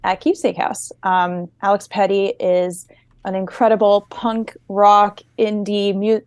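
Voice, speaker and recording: A young woman hosting an interview as co-founder, upbeat and playful, quick to joke with her guests. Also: medium pitch, flat delivery, darkish tone, dry recording, clean studio sound. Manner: upbeat, playful, laughs easily. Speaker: host, co-founder.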